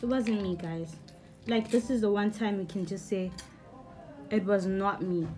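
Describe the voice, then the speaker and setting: Animated woman telling a story. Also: mid-range voice, measured pace, faint music behind. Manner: animated, rambling, repeats herself. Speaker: vlogger. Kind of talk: storytime vlog.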